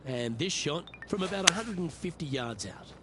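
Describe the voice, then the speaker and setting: A man's voice: a little high, animated, normal speed, over loud music, lightly acted. A man speaking as a golf commentator, giving play-by-play as the lead announcer of a tournament broadcast. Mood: composed. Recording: loud crowd and outdoor ambience behind.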